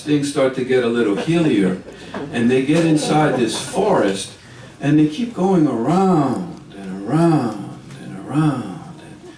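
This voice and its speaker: A man telling a story live, rambling with chuckling asides, in a music store. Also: mid-range voice. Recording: roomy store from a distance.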